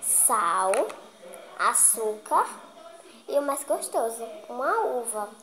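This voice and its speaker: A woman's voice: on the high side, animated, slow pace, a bit bright, rough recording. A woman with a Brazilian Portuguese accent, chatting playfully as she runs a food game with a friend. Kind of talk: casual chat.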